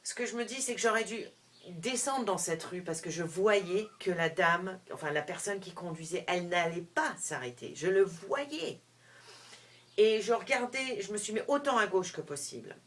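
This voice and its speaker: A middle-aged woman telling a personal story to camera, animated, with frequent restarts, moving between hushed and loud. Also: medium pitch, normal speed. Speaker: vlogger.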